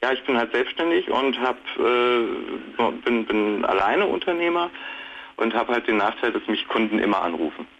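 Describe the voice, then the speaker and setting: Calling in to a radio show over a dull, noisy phone line, a man in his late thirties speaks casually in a reflective, conciliatory way. His medium-pitched voice is very animated, at a normal speed.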